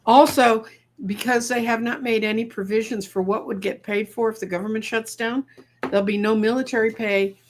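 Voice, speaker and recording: A woman's voice: a little high, fairly even intonation, normal speed, slight background noise. Chatty, opinionated woman co-host. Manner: opinionated, wry, talkative. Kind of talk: casual political chat.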